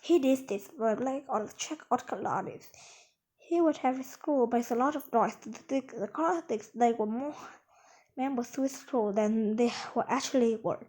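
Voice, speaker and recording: Woman, high voice, reading aloud, children's adventure story, lively. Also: moderate pace, rough recording.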